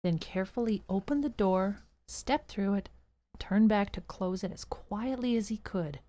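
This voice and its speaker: A woman narrates a scripted radio serial in storybook fashion, recapping events and addressing the listeners directly. Her voice is medium in pitch with a dark tone and a moderate pace, with no room sound, and music with jingling bells plays behind her.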